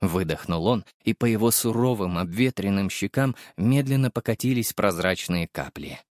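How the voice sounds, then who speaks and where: A man narrating a first-person audiobook in a lively, wry and expressive manner. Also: on the low side, moderate pace, no echo, clean studio sound.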